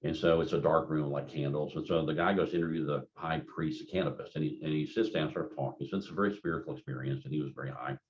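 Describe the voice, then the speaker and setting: Deep-voiced older man lecturing. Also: steady tone, quick pace, few pauses, a little hiss or hum. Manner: rambling, anecdotal, conversational with many fillers. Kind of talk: continuing-education lecture. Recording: dull lo-fi lecture recording.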